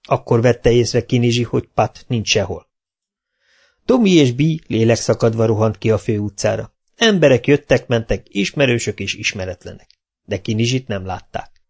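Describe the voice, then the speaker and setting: A man reading a children's storybook aloud in a lively, expressive narration. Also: mid-range voice, vocal fry, slightly rough. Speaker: audiobook reader.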